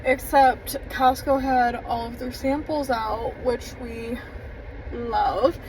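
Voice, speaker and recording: A young woman vlogger chats casually to her phone camera, rambling along with lots of fillers. Her voice is a little high with fairly even intonation and a slow pace, and the noisy recording picks up vehicle sounds.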